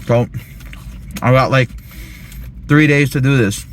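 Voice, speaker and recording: A man's voice: mid-range voice, fairly even intonation, takes it slowly, a little hiss or hum. A man giving a casual food review to viewers, talking with his mouth full and humming appreciatively as he chews. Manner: chewing and talking with mouth full between bites; savoring hums and mm sounds.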